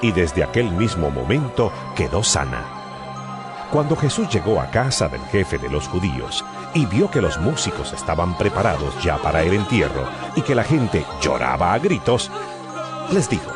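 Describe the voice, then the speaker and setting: A deep-voiced male narrator reading scripture with very lively, swooping intonation. Guitar music plays clearly beneath his storytelling. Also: moderate pace. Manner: storytelling, expressive. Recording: music bed behind voice.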